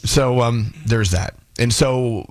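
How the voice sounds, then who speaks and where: A man hosting a morning radio show in a studio, talking in a halting, emotional way with many restarts. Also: medium pitch, crowd noise. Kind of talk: casual morning radio chat. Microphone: studio microphone.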